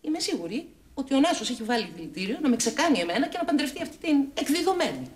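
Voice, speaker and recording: An excitable jealous woman. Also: high-pitched. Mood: indignant. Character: excitable suspicious jealous woman, prone to outbursts. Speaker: sitcom character. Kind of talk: comedic TV acting.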